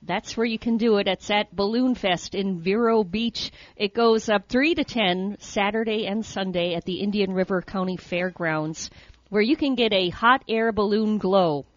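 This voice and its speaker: A woman's voice: medium pitch, moderate pace, no room sound. Female radio co-host, casual and chatty listings read, dry muffled studio sound. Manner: chatty, reading event listings.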